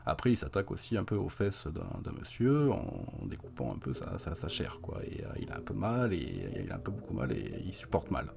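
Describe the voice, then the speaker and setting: A young man with a deep, gravelly voice walks through a horror film for a review. He talks in a chatty, wry way, full of fillers and little asides. His low voice has a rough texture. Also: huge pitch swings, moderate pace, few pauses, noisy background. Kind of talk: casual spoken film review.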